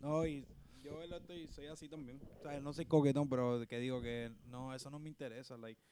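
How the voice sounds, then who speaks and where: A man's voice: mid-range voice, fairly quick, crowd noise. Laid-back man in his thirties. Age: 30s. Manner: relaxed, affirming listener who backs up his partner with short replies. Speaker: podcast co-host. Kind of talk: casual chat.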